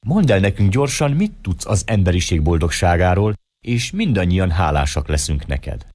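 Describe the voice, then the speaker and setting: A man voicing the old patriarch Noah, speaking slowly and gently, in an audiobook reading. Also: sits low, big pitch swings, dry recording, studio quality, pitched above the performer's own voice. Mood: encouraging. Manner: slow, measured.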